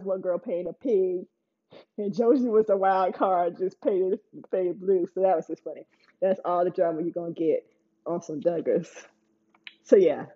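Chatty woman, husky lo-fi recap. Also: on the low side. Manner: chatty, laughs often, playful asides. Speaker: TV recap host. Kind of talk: casual chat.

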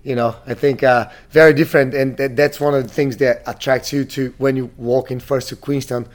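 A man's voice: mid-range voice, fairly even intonation, brisk. A man from Brazil in his thirties, a gym owner being interviewed, talking casually with many restarts and fillers.

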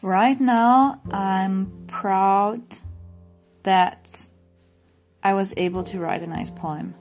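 A woman speaking gently and reflectively about small things she is proud of. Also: mid-range voice, steady tone, very slow, faint music behind. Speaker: podcast guest.

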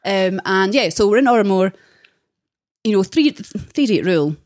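A woman's voice: mid-range voice, animated, normal speed, darkish tone, no room sound, clean studio sound. A young woman, a podcast guest, chatting candidly and telling dating stories with plenty of laughter. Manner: candid, chatty storyteller who laughs often.

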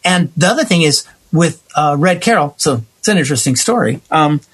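A husky, slightly bright male voice sits on the high side, moving briskly with lively intonation. In an interview about his work as a theater writer and director, he chats expressively and performs imagined quotes while storytelling.

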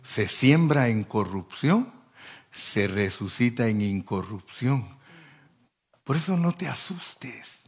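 Husky man preaching a sermon, slow and deliberate, keeps saying brother, gets loud and emphatic. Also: mid-range voice, expressive. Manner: addresses listeners as brother, rises to emphatic bursts.

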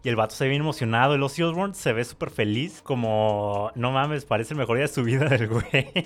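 A man with a Mexican Spanish accent, co-hosting a podcast and telling stories in relaxed, slangy chat. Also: mid-range voice, a little fast. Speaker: podcast co-host. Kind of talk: casual chat.

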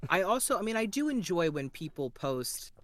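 Podcast guest guy, kinda high voice, earnest and rambly. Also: sing-song, normal speed, fairly bright tone, no room sound, clean studio sound. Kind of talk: casual chat.

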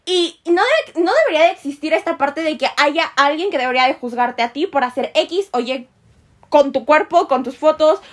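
A woman hosts a podcast and reacts in casual chat. Her voice is very high. She talks expressively and repeats herself for emphasis. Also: brisk. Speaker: podcast host.

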